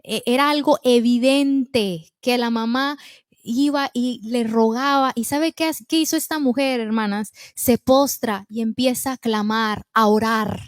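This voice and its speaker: High-voiced woman preaching with fervor. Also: unhurried, dry recording, studio quality. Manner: impassioned, asks the listeners questions, acts out pleading prayers. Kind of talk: sermon to a women's meeting.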